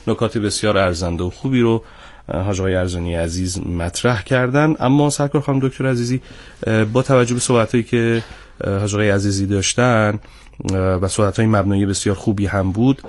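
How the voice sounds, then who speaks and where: A man hosting a panel discussion in a formal, courteous and deferential manner. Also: on the low side. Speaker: host.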